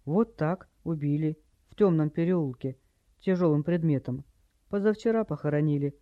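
A man's voice: a little high, normal speed, no echo, close to an everyday voice. A man reading an audiobook, voicing a drunk, maudlin widower who rambles plaintively, in a dry, slightly dull recording.

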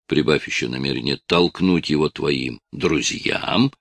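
Male reader doing a curt mocking detective, deep gravelly voice, dry read. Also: measured pace, a bit bright, full character voice.

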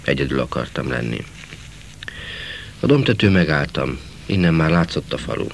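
A man narrating a literary novel in a measured, earnest reading. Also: rumbling low, animated, gravelly, slight background noise. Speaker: audiobook narrator.

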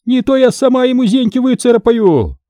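A man voicing a shrill, furious peasant wife who screeches and scolds. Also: animated, brisk, warm tone, no echo, clean studio sound. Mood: furious scolding. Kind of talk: audiobook character reading.

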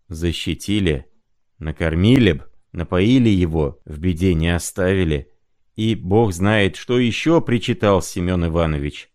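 A man reads a classic story aloud in a deep, low voice. His delivery is slow and measured, steady audiobook narration.

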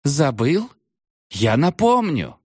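A high, whiny young witch girl drawls her taunts and cackles, as a man puts her on for a storybook. The voice leaps around a lot, recorded dry and close. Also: wildly swooping pitch, slow, darkish tone, husky, dry recording, exaggerated voice. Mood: capricious, taunting. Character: capricious young witch girl on a ghost horse.

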